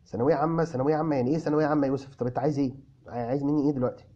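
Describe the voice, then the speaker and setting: Egyptian male English teacher, casual Q&A, quick high voice, dull lo-fi sound. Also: steady tone, mellow. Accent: Egyptian Arabic. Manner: answers viewers by name, switching between Arabic and English phrases. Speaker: English teacher answering viewer comments. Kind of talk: casual chat. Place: in a car.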